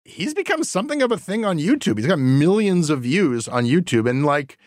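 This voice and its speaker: A man's voice: on the high side, sing-song, moderate pace, a little mellow, dry recording, clean studio sound. A man hosting a podcast, talking casually and rambling with lots of fillers. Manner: rambling, chatty, many fillers. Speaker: podcast host. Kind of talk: casual chat.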